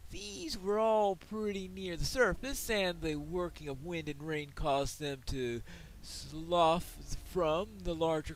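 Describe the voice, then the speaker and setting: A man voicing a hearty, gruff dwarf prospector in a fantasy game, declaiming in old-fashioned wording. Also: high-pitched, fairly bright tone, a little hiss or hum, pitched above the performer's own voice, full character voice, rough recording. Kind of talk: reading fantasy game quest dialogue.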